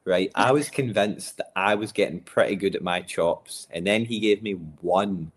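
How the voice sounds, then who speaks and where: A man's voice: fairly low pitch, normal speed. A man with a posh Scottish accent chatting casually in an interview, jokey and self-deprecating. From Largs, Scotland. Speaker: wrestler being interviewed. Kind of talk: casual chat.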